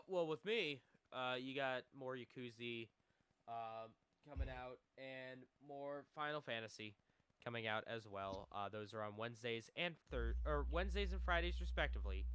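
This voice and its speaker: A man's voice: medium pitch, normal speed, fairly bright tone, clean tone, no room sound. A man co-hosting a casual gaming podcast, joking around and plugging his channels. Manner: joking, reads game blurbs aloud. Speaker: podcast co-host.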